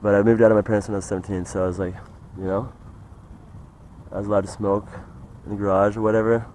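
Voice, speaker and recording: A man's voice: fairly low pitch, little pitch movement, quick pace, a little mellow, slight background noise, low-quality recording. A young man talking in a rambling, meandering way, full of "like" and "you know", in a casual monologue. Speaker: vlogger.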